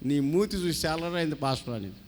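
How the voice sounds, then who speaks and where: A man preaching a sermon, his voice on the high side for a man. He tells stories and acts out the people in them in quoted voices. A long reverb from the hall trails after his words. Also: animated, very fast, a little hiss or hum. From India. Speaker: pastor. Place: church hall.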